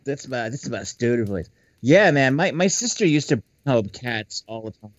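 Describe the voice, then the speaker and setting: A man guests on a podcast and rambles in a laid-back way, full of fillers. His pitch moves about a lot. The call audio sounds dry and dull. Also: big pitch swings, moderate pace, no room sound. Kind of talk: casual chat.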